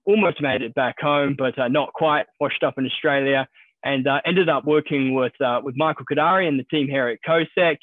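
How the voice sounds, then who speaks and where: Over phone-quality audio, a New Zealand-accented stockbroker with a medium-pitched voice speaks as a podcast guest, keeping things casual, fast and upbeat while frequently restarting sentences and repeating his opening words.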